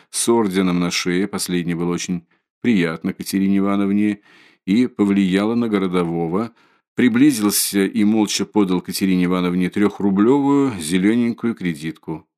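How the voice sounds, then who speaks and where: A man narrating an audiobook reading of a classic novel in a measured, expressive way. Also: sits low.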